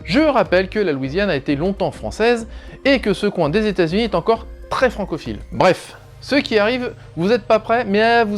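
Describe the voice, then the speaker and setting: A man narrates an explainer video in a scripted style and keeps breaking off for sarcastic little jokes. His pitch swings widely and freely, and soft music plays quietly behind him. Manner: sarcastic, jokey asides. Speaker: YouTube host. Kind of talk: scripted informative commentary.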